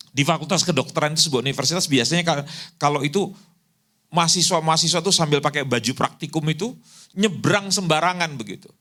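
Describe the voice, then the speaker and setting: Animated bright-voiced male preacher. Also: mid-range voice. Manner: animated storytelling preacher, acts out quoted voices. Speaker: pastor. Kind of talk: sermon. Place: church hall.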